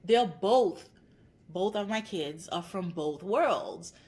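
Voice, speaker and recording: Her lowish, darkish voice is expressive and slow as she answers the podcast host's questions. She's a clinical psychologist from Haiti in her thirties, earnest and encouraging, and she tends to organize her points as lists.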